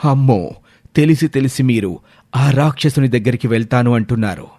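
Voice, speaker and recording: Man doing a lonely snowland stranger, lower voice, warm dull tone, dry, calm and cautious, cartoon story. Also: moderate pace, no room sound, lightly acted. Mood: earnest. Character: gentle lonely male stranger of the snowy land. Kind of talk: animated storybook voice acting.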